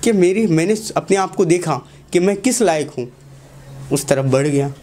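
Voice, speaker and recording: A man's voice: sits high, lively intonation, normal speed, a little mellow, slight background noise. A young man, a teacher giving a motivational talk to students in a classroom, asking the class short questions and repeating key lines.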